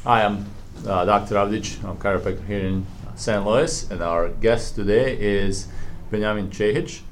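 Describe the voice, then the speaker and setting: A man co-hosting a podcast, asking questions in a halting way with pauses and fillers. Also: fairly low pitch, steady tone, a little hiss or hum. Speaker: podcast co-host. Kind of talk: casual podcast interviewing.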